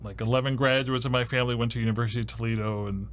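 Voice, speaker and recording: With a medium-pitched, fairly even voice, this man fires off answers rapidly, and the recording carries a little hiss or hum. He's a podcast host and first-year university advisor in his fifties from Ohio, rambling through interview questions in a studio with plenty of "you know" and dry wit.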